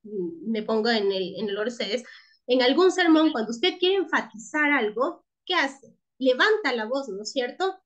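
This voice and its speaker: A woman's voice: fairly high pitch, lively intonation, normal speed, a bit bright, dull audio. A woman teaching a class, checking in with her listeners again and again and restarting words as she goes. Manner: checks in with frequent tag questions; restarts words and repeats herself. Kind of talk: class lecture.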